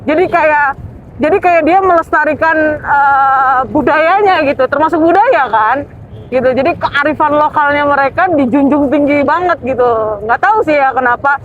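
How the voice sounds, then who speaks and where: High-voiced girl vlogging at a port, chatty, muffled camera sound, light noise behind. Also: moderate pace, a bit bright. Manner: chatty, hesitant, trails off with fillers. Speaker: travel vlogger. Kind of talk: casual vlog narration. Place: outdoors at a ferry port. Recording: muffled outdoor audio with faint noise.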